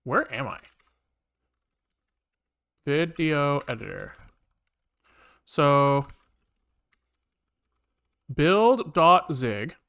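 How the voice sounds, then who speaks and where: Extremely slow and creaky, with long pauses, this man's fairly high, fairly bright voice swings widely in pitch. Livestreaming his coding, he thinks aloud in a casual ramble, echoing his own words and cursing without much thought.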